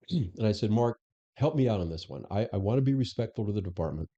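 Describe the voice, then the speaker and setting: Mellow-voiced man telling stories. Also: on the low side, lively intonation, brisk, highs cut off. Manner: anecdotal, acts out quoted dialogue. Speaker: interview guest, former police superintendent. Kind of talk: conversational storytelling.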